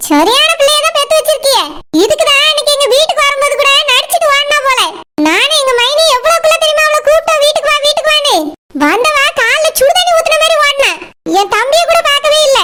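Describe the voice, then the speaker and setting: A woman voicing a sharp-tongued young village woman in a cartoon, speaking with a Kanyakumari Tamil accent and quick to accuse. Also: heavy background noise. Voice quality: high and bright. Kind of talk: cartoon voice acting.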